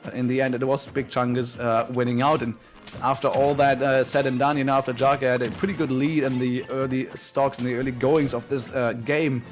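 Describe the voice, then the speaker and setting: A man calling play-by-play for an online fighting-game tournament in an energetic way, with frequent fillers. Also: mid-range voice, a little fast, faint music behind. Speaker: play-by-play commentator. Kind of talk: esports commentary.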